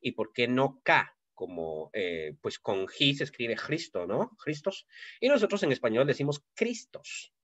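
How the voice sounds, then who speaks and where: A man teaching a Greek grammar class, explaining slowly with many fillers and checks for understanding. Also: mid-range voice, big pitch swings, a bit bright, dry recording, highs cut off. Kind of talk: recorded class lecture.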